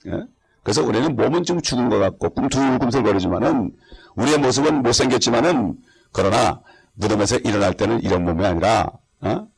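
A male pastor preaches with an emphatic, rhetorical delivery and keeps checking for his congregation's agreement. His voice is gravelly and husky, sitting at an ordinary pitch for a man. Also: animated, brisk. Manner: emphatic, rhetorical, frequent interjections asking for assent. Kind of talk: sermon.

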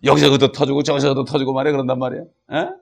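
A man's voice: medium pitch, flat delivery, rapid-fire, gravelly. A middle-aged man preaching a sermon as a pastor, talking in a conversational way with frequent asides and acting out quoted voices and prayers.

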